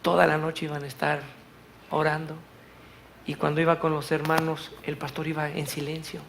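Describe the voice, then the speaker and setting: Gravelly-voiced man preaching a sermon. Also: fairly high pitch, completely flat delivery, normal speed, slight background noise. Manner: storytelling, swelling loud when reading scripture. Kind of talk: Spanish-language church sermon.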